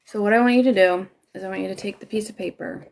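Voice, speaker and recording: Woman coach with a creaky fry voice, slow guided instructions on a live stream, soft breathy asides. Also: medium pitch, fairly even intonation. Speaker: healing coach.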